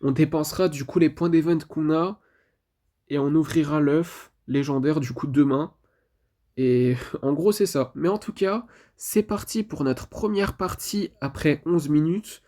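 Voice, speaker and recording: A man's voice: a little high, unhurried, dark tone. A man giving casual commentary over his mobile game match, chatty and leaning on filler phrases. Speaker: mobile game channel host.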